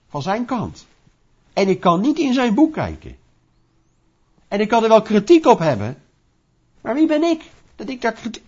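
Animated, husky-voiced male preacher. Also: high-pitched. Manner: animated, conversational preaching with rhetorical questions. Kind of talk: sermon. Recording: dull lo-fi recording.

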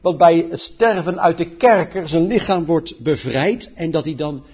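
A man preaching a sermon, declaiming scripture loudly and then dropping to quiet asides. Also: on the high side, a little slow, husky. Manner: emphatic, swings between loud declaiming and quiet asides. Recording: dull lo-fi recording.

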